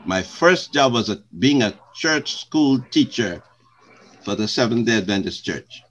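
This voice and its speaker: An older man from Guyana, a retired pastor, answering interview questions in slow, measured, formal phrasing. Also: mid-range voice, expressive, fairly bright tone, dull audio.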